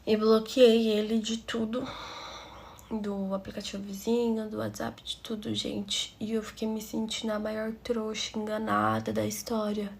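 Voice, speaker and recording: A woman's voice: medium pitch, completely flat delivery, a little slow, creaky. A woman with a Brazilian Portuguese accent narrating a personal story for her channel in a confiding, emotional way.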